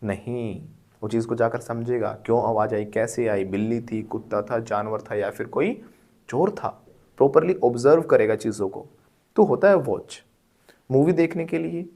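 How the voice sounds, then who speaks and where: A man's voice: mid-range voice, darkish tone. A man with an Indian accent teaching English word use in a lesson, explaining step by step, repeating words to drill them and asking checking questions.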